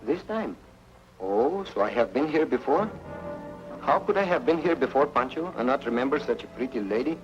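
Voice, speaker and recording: An actor playing a charming, gallant male hero who talks in smooth, flowery compliments. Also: medium pitch, expressive, normal speed, close to an everyday voice. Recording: dull old TV soundtrack with music.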